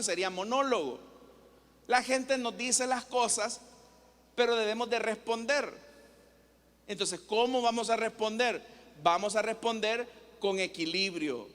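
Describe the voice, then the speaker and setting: High-voiced pastor, echoing church. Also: male voice, a bit bright. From El Salvador. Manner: teaching, asks the congregation questions. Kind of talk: sermon. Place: church hall. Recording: long church reverb.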